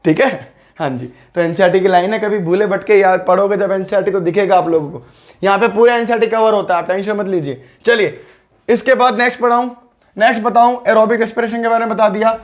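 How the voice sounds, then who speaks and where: Young male biology tutor, high pitch, friendly, drills key words with questions. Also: fast. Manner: repeats key terms, asks and answers his own questions; friendly, coaxing. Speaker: biology teacher. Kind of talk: exam-prep lecture.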